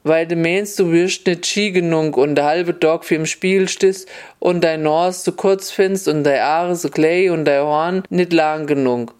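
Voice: mid-range voice, darkish tone, smooth, lightly acted. A storyteller doing a stern lady official. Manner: stern, scolding. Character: stern woman official at the window.

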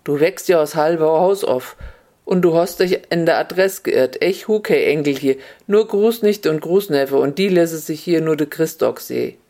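A storyteller in Upper Hessian dialect voicing a hard-of-hearing, blunt old woman who talks loudly and scolds. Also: medium pitch, measured pace, natural voice. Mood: scolding.

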